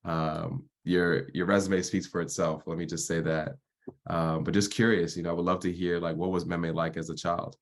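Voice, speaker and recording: A young man hosting a podcast, relaxed and slangy in conversation. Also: low-pitched, moderate pace. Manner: laid-back, slangy. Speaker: podcast host. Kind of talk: casual interview chat.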